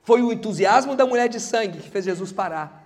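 A man with a strikingly high voice and a Brazilian Portuguese accent delivers a sermon. He preaches with animation, acting out the Bible figures in their own voices as he speaks. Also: animated, fairly quick, long reverb tail.

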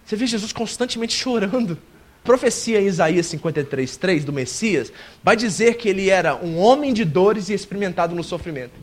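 A man preaching a sermon as a pastor, swinging between soft, close passages and loud, emphatic lines, and acting out a worshipper's complaints. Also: expressive, brisk. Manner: acts out a worshipper's complaints in a high whiny voice.

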